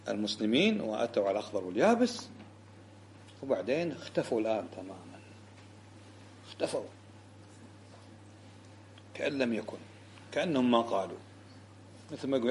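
Man, religious lecture, fast, very lively pitch, indignant emphasis. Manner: animated and indignant, rising sharply for emphasis. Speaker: Islamic scholar giving a lesson.

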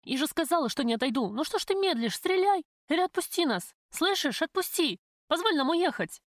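A woman's voice: high-pitched, very animated, brisk, no room sound, studio quality, pitched above the performer's own voice. A woman reading an audiobook, voicing a desperate, defiant young woman who pleads in a raised voice.

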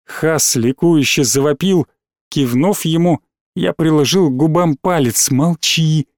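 A man narrating a story aloud in a measured, tense storytelling manner. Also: fairly high pitch, a little mellow, no room sound, clean studio sound. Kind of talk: audiobook narration.

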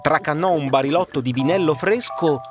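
A man narrating a fairy tale, expressive and dramatic. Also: on the high side, fairly quick. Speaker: storyteller. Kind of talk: storybook narration. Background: background music.

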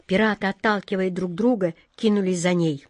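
A woman narrating a children's storybook aloud in an expressive, dramatic way. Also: medium pitch, a little fast, no echo. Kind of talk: storybook reading.

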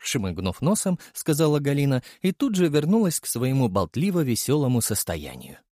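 A man reads a first-person audiobook with lively, swinging intonation. His delivery is expressive and vivid. The recording is dry and close, with no room sound. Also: mid-range voice, moderate pace, no room sound. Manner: expressive storytelling. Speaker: audiobook narrator.

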